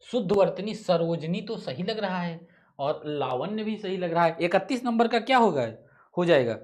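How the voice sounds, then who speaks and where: A man's voice: high voice, lively intonation, normal speed. Male teacher, online exam-prep class, repeats questions, thinks aloud, self-corrects, casual asides. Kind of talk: online test-solving class.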